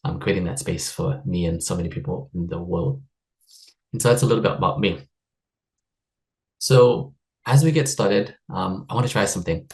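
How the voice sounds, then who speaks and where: A deep, slightly mellow voice belongs to a Seattle-area man, raised in the US, who coaches a live online stress and wellbeing workshop via video call. Chatty and upbeat with frequent laughs and fillers, he keeps a moderate pace with long pauses, on a low-quality recording.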